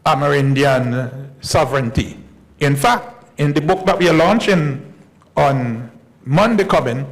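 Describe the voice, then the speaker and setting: Gravelly historian lecturing a hall. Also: male voice, on the high side. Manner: measured, repeats key points slowly for emphasis. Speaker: historian giving a conference talk. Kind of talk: conference lecture. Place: conference hall.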